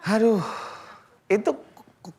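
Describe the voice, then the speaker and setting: A man's voice: slow pace, noisy background. A male preacher on a TV talk show jokes and teases in playful banter. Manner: playful and teasing, with lively pitch swings. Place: TV studio.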